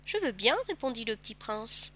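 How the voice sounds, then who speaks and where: A woman's voice: fairly high pitch, very animated, moderate pace, pushed and bright, exaggerated voice. A woman voicing an earnest, curious little boy prince who asks polite questions in a storybook reading.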